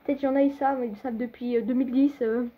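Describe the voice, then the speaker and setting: A woman's voice: high voice, steady tone, rapid-fire, narrow, tinny audio. A young woman rambling through a casual gameplay commentary, talking straight to her viewers with lots of fillers and hesitations. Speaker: gaming video creator.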